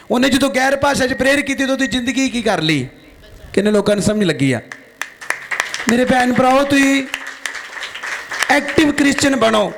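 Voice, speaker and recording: Pastor guy, really high voice, gravelly, preaching hard and quizzing the crowd. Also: fairly bright tone. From Punjab, India. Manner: fiery preaching, asks the crowd questions. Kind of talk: sermon to a congregation.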